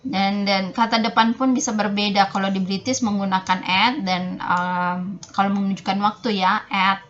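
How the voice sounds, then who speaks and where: A woman lecturer explaining English spelling and vocabulary differences, halting often with fillers and restarts as she moves between languages. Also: mid-range voice, steady tone, fairly bright tone, highs cut off. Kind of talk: online phonology lecture.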